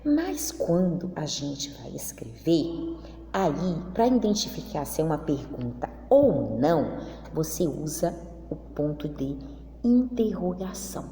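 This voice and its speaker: A woman teacher with a Brazilian Portuguese accent, reading a lesson to young children slowly and in a sing-song voice. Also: low-pitched, sing-song, warm tone, a little hiss or hum. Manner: slow, sing-song, exaggerated intonation for children. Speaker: primary school teacher. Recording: echoey room with long reverb.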